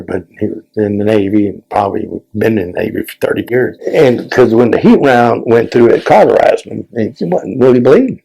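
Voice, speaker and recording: A Vietnam veteran, an older man, gives a relaxed, meandering account of his service, full of repeated words and plain country-style talk. His voice runs on the low side, creaky and a bit rough but warm in tone, on poor audio.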